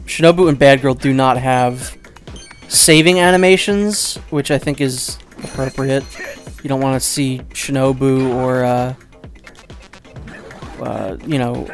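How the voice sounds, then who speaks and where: A man with a mid-range voice gives casual, rambling let's play commentary, second-guessing himself aloud and swearing offhandedly.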